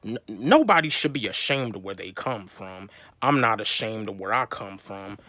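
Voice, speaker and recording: A young man speaks in a low voice, recorded dry and close. He gives a motivational talk to camera, looping back on himself, restarting phrases and leaning on fillers. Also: animated, moderate pace, pushed and bright, no echo. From North Carolina, USA. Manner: rambling, repetitive, many fillers and restarts. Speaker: vlogger.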